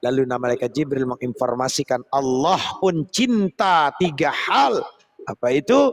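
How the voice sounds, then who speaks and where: A man preaching a lively sermon, acting out prayers and chanting Arabic phrases slowly. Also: on the high side. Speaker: Islamic preacher.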